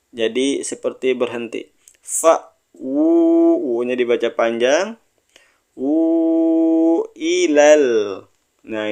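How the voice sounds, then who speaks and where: A male teacher leads a step-by-step reading lesson at a slow, patient pace. His voice is smooth and resonant, and he draws each recited word out long before returning to plain, everyday explanation. He keeps inviting the listener to read along with him. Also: mid-range voice. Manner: drawn-out sung recitation of words, then plain explanation.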